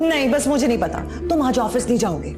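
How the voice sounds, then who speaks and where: An actress as a coquettish, gushing young bride. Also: female voice, fairly high pitch, expressive, a little fast, natural voice. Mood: coaxing. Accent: Pakistani Urdu. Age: young adult. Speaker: new bride. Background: background music.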